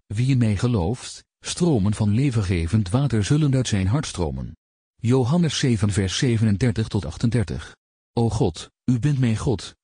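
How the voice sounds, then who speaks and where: A man giving a solemn, measured scripted reading of a gospel tract, citing Bible verse after verse. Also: on the low side, dark tone, slightly rough, dry recording, clean studio sound.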